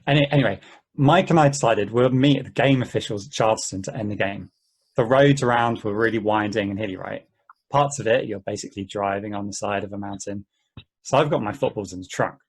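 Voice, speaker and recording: At an amateur play table read, a man reads the part of an excitable, exasperated guy telling about his mishaps in casual conversation. His voice is lowish, brisk, and slightly rough, with a matter-of-fact mood.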